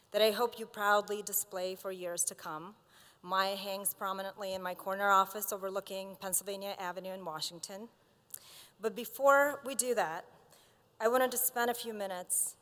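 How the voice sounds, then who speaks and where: A woman in her forties from Azerbaijan, giving an earnest, measured commencement speech. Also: medium pitch, fairly bright tone. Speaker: commencement speaker. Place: large hall. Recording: long hall reverb.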